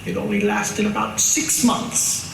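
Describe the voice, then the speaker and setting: A man playing a flamboyant, vain horror host baron with pompous, theatrical, drawn-out delivery. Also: high-pitched, flat delivery, vocal fry, fairly bright tone, full character voice. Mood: theatrical, gracious. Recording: echoey room, distant mic, background noise.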